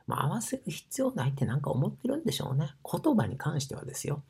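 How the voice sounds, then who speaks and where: Osaka dialect guy rambling away, lots of fillers, mellow low tone, drops to almost a whisper sometimes. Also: big pitch swings, fast talker. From Osaka, Japan. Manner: rambling, many fillers, often drops to a breathy near-whisper. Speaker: sauna ambassador. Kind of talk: casual monologue.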